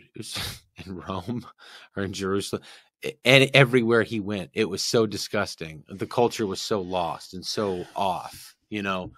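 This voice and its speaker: A man's voice: deep voice, a bit bright, dry recording, studio quality. A man talking through his faith in casual conversation, earnest and rambling, often restarting his sentences.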